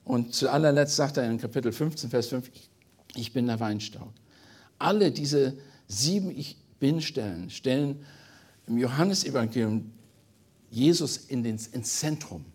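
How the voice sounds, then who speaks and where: A man's voice: mid-range voice, normal speed, darkish tone, breathy edge. A man reading a Bible passage aloud and then preaching on it earnestly, with small slips and restarts. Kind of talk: scripture reading and sermon.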